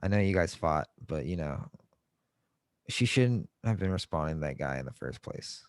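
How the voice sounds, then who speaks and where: A man co-hosting a podcast in casual joking chat, swearing often and breaking into loud mock outbursts. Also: extremely low pitch, lively intonation, moderate pace, no echo, clean studio sound. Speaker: podcast co-host.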